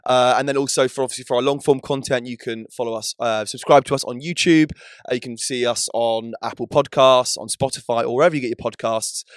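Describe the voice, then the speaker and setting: Hungover British man chatting quickly on podcast. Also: mid-range voice, steady tone, clean tone, dry recording. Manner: slangy, frequent "like" and "you know". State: hungover, low on energy. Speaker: podcast co-host. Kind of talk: casual podcast chat.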